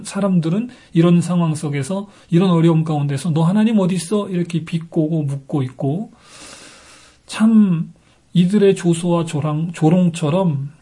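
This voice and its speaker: A man's voice: fairly high pitch, warm tone, slightly rough. A male pastor giving an earnest, emphatic sermon to his congregation.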